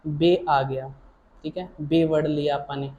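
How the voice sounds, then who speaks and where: A male shorthand teacher talks through his lesson in a mellow, soft-edged voice at a middling pitch. He is patient and repetitive, often pausing to check that his students are following. He fondly calls them child or dear, and a faint hiss of noise sits beneath him. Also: fairly even intonation, lo-fi sound. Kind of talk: explaining a lesson.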